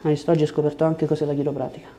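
Speaking very fast in a level, warm, fairly high voice, a man in his thirties works as a chiropractor, offering brief instructions and explanations to a patient. The lapel-mic recording comes from a small indoor treatment room, with room noise clearly audible.

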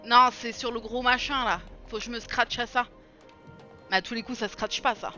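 A young woman chatting through a co-op video game session, excitable and self-mocking, often laughing and shouting at the game. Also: on the high side, normal speed, highs cut off, soft background music. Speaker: streamer playing a co-op video game. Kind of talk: casual let's-play chatter.

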